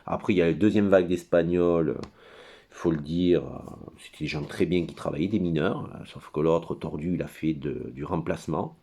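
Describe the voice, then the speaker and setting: A man with a very low voice talks on his own in front of his computer. His monologue is rambling and crude. He hesitates often, stumbles over fillers and wanders off into tangents. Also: moderate pace, warm tone, slightly rough. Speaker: commentator.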